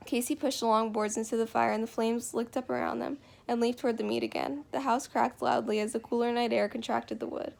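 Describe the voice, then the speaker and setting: A woman reading a novel aloud in steady, unhurried narration. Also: fairly high pitch, gravelly. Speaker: reader.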